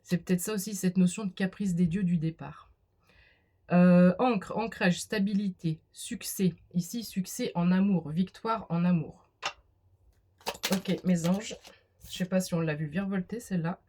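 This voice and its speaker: A woman gives a relaxed spoken card reading in a slightly low voice. She talks directly to the listener and often stops and restarts mid-thought with fillers. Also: unhurried. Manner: addresses viewer directly, many fillers and restarts. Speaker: card reader. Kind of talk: casual spoken tarot reading.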